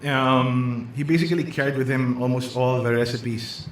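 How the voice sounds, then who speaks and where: Man, Filipino accent, guest chef, casual chat, laughs a lot, booming echoey room. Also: steady tone, moderate pace, slight background noise. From Philippines. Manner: chatty, laughs often, frequent restarts.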